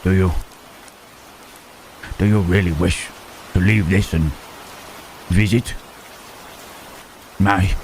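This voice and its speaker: A man playing a lonely, humble, gentle-hearted monster in an intimate ASMR roleplay, speaking haltingly and repeating his words with murmured questioning tags. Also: sits low, fairly even intonation, vocal fry, full character voice, rough recording. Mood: humbled, disbelieving. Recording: rain and thunderstorm noise behind. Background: rain and thunder.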